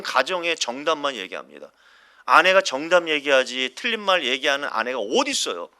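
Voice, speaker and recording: A man's voice: high voice, bright, forceful tone. A male pastor preaching a Sunday sermon at a church service. He talks animatedly, asks the congregation questions and acts out everyday quarrels with a chuckle.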